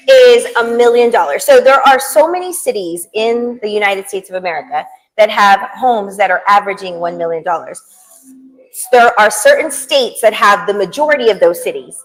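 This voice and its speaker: A woman's voice: medium pitch, low-quality recording. A woman in her forties co-hosting a live show, chatting casually and quizzing the host with an easy laugh. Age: 40s. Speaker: co-host and real estate agent. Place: indoor studio set.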